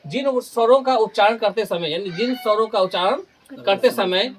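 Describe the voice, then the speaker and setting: A man's voice: high-pitched, normal speed, a little hiss or hum. A man teaching a grammar lesson in a classroom style, asking questions and then answering them himself, and repeating key terms.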